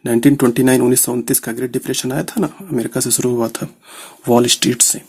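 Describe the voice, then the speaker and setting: A man from India teaching shorthand in a casual lesson, repeating words slowly as he writes, with many fillers. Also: mid-range voice, fairly even intonation, a little mellow, husky.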